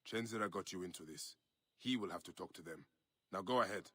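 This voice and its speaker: A stern guardian in a video game. His voice is husky and dry, and he gives curt, protective orders. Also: sits low, a little fast, pushed and bright, no room sound, exaggerated voice. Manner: curt, commanding.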